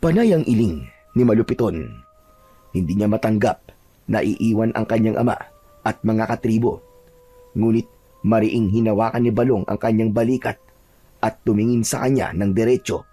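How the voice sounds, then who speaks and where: Husky low male storyteller. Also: moderate pace, pauses often, mellow. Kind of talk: scripted horror narration.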